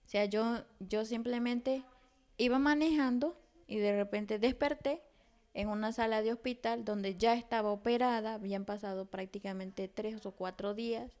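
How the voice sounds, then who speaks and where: A woman's voice: a little high, moderate pace, a little mellow. Woman in her thirties telling her story. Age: 30s. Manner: rambling, many restarts and fillers. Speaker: interview guest. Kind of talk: personal testimony in conversation.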